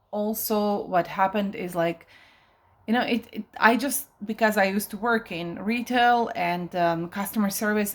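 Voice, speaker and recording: A woman life coach talks straight to camera, recounting a frustrating day in a loose, chatty way. Her voice sits at an ordinary middle pitch. She often stops and restarts her sentences. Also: a bit bright. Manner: chatty, addresses viewers directly, many restarts and fillers; exasperated retelling of a shop dispute. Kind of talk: casual vlog storytelling.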